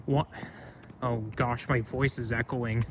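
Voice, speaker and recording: Walking down a street with his phone camera in hand, a young man vlogs loudly in a rambling, chatty way, often correcting himself. His mid-range voice is flat and slow, and outdoor street noise fills the background.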